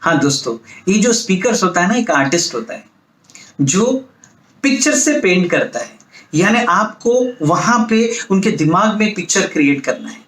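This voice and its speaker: A man's voice: sits high, sing-song, normal speed, a bit bright, reverberant. A male business coach giving an emphatic motivational lecture, asking the audience rhetorical questions.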